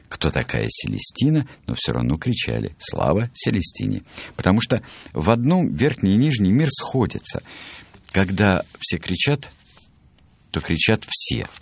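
A man reading a children's book aloud in an animated way, acting out the voices. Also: low-pitched, vocal fry, slightly rough, no echo. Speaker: storyteller.

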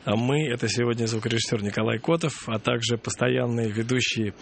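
Hoarse male radio host, halting delivery. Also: mid-range voice, fairly even intonation, a little hiss or hum. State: hoarse from a cold. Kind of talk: casual live radio chat. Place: radio studio.

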